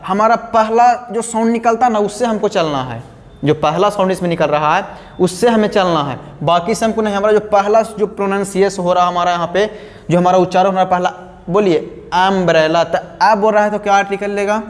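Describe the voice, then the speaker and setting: A male teacher, giving a grammar lesson step by step and often asking his students questions. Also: high-pitched. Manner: explains step by step, repeats key words, asks the class questions. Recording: long hall reverb.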